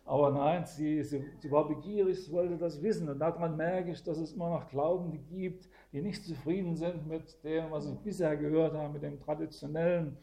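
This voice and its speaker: A man's voice: fairly high pitch, steady tone, moderate pace, gravelly, hardly any pauses, mellow. A man teaching the Bible to a small group, explaining verses one by one and often adding "gell?" to check that listeners follow. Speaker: preacher.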